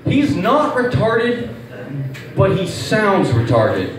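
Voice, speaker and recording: Young male stand-up comic, lively delivery, exasperated and profane; roomy club, distant mic. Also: high-pitched, takes it slowly, crowd noise. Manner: animated, profane, exasperated storytelling. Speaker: stand-up comedian. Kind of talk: stand-up set at open mic. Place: small comedy club stage. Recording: echoey room, distant mic, faint ambience.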